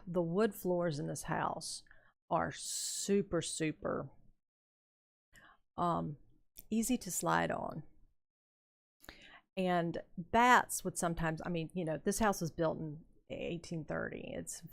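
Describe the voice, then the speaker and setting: A woman's voice: lowish voice, gravelly. An older woman streamer chatting casually and telling a rambling story while she plays a game, laughing often. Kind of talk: casual chat while playing.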